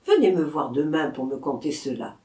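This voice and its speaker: A woman's voice: sits low, animated, moderate pace, darkish tone, voice pushed down. A woman voicing a teasing young actress. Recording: echoey room.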